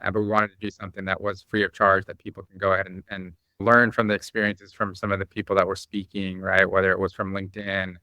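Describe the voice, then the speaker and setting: Man, founder guest, from the Bosnia and Croatia area; forceful, bright tone, slightly low. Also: monotone, quick pace, few pauses, no echo. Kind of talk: conversational interview.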